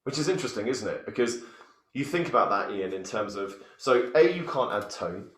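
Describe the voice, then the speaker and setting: A man's voice: medium pitch, big pitch swings, a little fast. A man co-presenting a training webinar, chatty, with dry humour and mock-formal asides. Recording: roomy video call audio.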